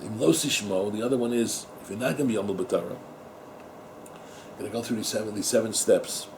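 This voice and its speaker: A man's voice: fairly low pitch, moderate pace, background noise. A middle-aged man, a rabbi giving an informal Torah talk to yeshiva students, repeating words and asking his listeners rhetorical questions. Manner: mixes Hebrew and Yiddish terms into English.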